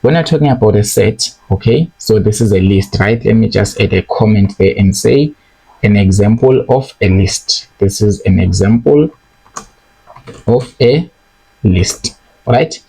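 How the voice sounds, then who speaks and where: A man's voice: lowish voice, normal speed, gravelly, mellow, husky, poor audio. A young man teaching a programming lesson, explaining step by step and checking in with "okay?" and "right?". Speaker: programming tutor. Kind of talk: screen-recorded coding lesson.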